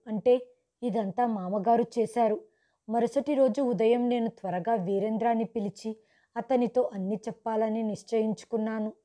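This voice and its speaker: A woman's voice: fairly high pitch, dark tone. A woman giving a dramatic, suspenseful first-person story narration from a script.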